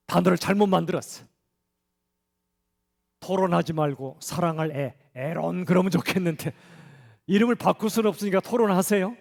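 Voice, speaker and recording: A middle-aged man preaching a sermon as a pastor, talking conversationally and asking the congregation questions. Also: sits high. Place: church sanctuary. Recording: church hall reverb.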